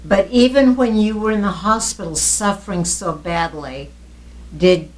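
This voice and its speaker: A woman's voice: mid-range voice, a little slow, rough recording. A woman conducting a conversational oral history interview, attentive, with murmured acknowledgements and follow-up questions.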